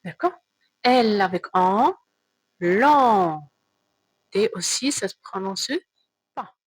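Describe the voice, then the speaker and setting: Slow, husky woman teaching children to read. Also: medium pitch, dry recording, poor audio. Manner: slow, careful, repeats words and sounds. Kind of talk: children's reading lesson.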